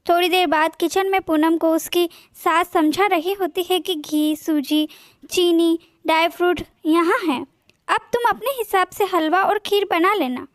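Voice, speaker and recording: Woman storyteller, plain steady narration, high pitch, dry. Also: unhurried, no room sound.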